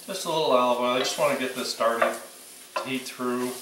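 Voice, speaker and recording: A man's voice: mid-range voice, fairly even intonation, a little fast. A man in his sixties casually hosting a home cooking demonstration, talking informally as he works in his kitchen. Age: 60s. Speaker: home cooking channel host. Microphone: camera a few meters away. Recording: roomy echo, distant mic, faint kitchen noise.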